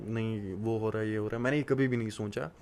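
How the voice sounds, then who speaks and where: A man's voice: lowish voice, fairly even intonation, quick pace, a little mellow, a little hiss or hum. A man in his twenties from Kashmir, a podcast guest, talking about hard work in an earnest, motivational way with many hesitant fillers. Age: 20s. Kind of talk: casual interview talk.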